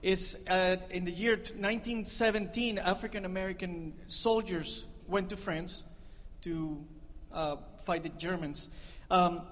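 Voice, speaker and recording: Between songs, this band leader talks to the audience in a joking, chatty way and laughs at his own humor. His high, slightly bright voice stays steady and unhurried, with hardly any pauses, and the live hall adds reverb.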